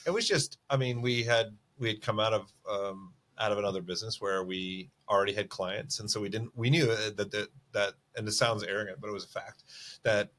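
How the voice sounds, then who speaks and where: A man's voice: fairly low pitch, brisk, a bit bright. A middle-aged man co-hosting a casual business podcast, chatty and self-mocking, laughing often as he tells stories. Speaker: podcast co-host.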